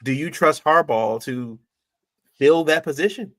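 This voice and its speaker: A man's voice: fairly high pitch, expressive, measured pace. Emphatic man in casual sports talk. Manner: emphatic, repeats points, frequent restarts. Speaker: sports podcast co-host.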